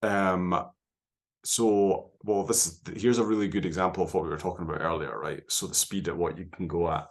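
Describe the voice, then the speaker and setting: Really deep voiced guy, chatty podcast guest, keeps saying right?. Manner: animated storytelling, frequent "right?" tags. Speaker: podcast guest, endurance runner. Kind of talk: casual conversation.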